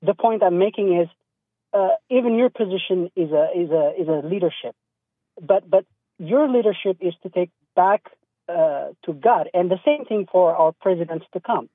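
A man from East Africa calls in to a radio show, speaking hesitantly with many fillers and restarts. His voice is high-pitched and animated at a moderate pace, with no echo, heard over a tinny phone line.

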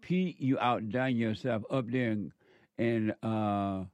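A man with a smooth radio host delivery, hosting a call-in talk show and slowly repeating phone numbers for listeners. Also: fairly low pitch, darkish tone, no echo.

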